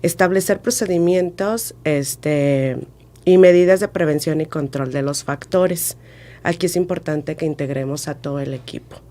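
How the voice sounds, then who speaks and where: Low-voiced woman listing steps methodically. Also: normal speed, warm tone. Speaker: guest consultant. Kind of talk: explanatory podcast talk.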